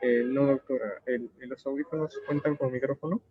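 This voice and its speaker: A man's voice: mid-range voice, fairly even intonation, husky, dry recording. A man moderating an online event, speaking politely and a bit hurriedly over a muffled, distant call connection. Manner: polite, hurried, formal address. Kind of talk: brief technical check with the speaker. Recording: dull lo-fi video-call audio from afar.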